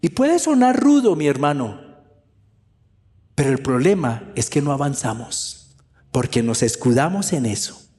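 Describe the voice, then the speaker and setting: A man's voice: mid-range voice, sing-song, measured pace, pauses often, darkish tone, in a large hall. A male pastor delivering a sermon with emphatic preaching that repeats key phrases for effect.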